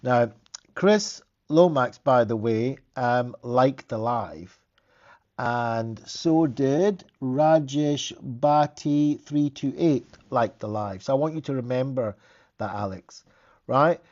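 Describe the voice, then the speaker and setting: A man's voice: mid-range voice, takes it slowly, darkish tone, dull audio. A man, a therapist hosting a casual live stream, talking in a chatty, rambling way with frequent restarts.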